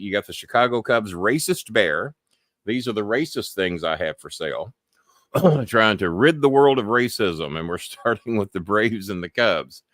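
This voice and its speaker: A middle-aged American man with a lowish voice talks on his live show, loose and rambling, cursing bluntly as he drifts between topics. His voice is recorded up close in a dry, dead-sounding room. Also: a bit bright, no echo. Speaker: podcast host. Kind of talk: casual live-stream monologue.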